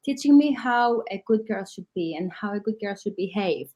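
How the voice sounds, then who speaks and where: A woman from Greece, a coach who speaks as guest in an online workshop, reflective and often pausing with um. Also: medium pitch, animated, a little mellow. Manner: reflective, with frequent ums.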